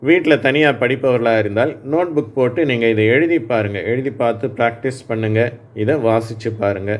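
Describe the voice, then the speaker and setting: A man with a Tamil accent, teaching English phonics in a spoken lesson for adult learners, drilling sounds slowly and clearly so listeners can repeat them. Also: mid-range voice.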